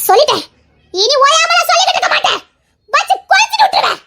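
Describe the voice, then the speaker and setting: A fierce middle-aged village mother, voiced by a woman, shrill and very high, snapping out scolding and curses in a keen, bright tone. She is fiercely protective of her children, and her voice rises and cracks with emotion throughout this audio drama. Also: very animated, fast talker, full character voice. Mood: threatening. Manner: scolding, shouting, cursing, sobbing. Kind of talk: Tamil audio drama acting.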